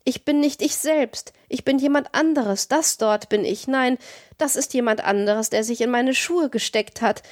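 A woman's voice: on the high side, moderate pace, few pauses, darkish tone, dry recording, clean studio sound, natural voice. A woman reading a storybook, voicing a confused old man who pleads with a crowd in a raised voice. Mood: desperate. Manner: pleading, distraught. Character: bewildered old man just back from the mountains.

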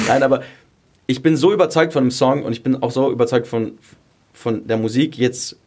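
A creaky, slightly mellow voice at medium pitch comes from an early-twenties man of Greek and southern German background. As a podcast guest, this singer and song contest contestant talks candidly and casually, with youthful phrasing and emphatic repetition.

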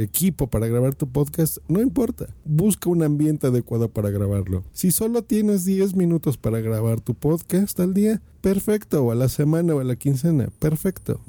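A man's voice: fairly high pitch, warm tone, dry recording. A Mexican man giving casual podcasting advice, talking into his phone and asking the listener rhetorical questions. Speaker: podcast host.

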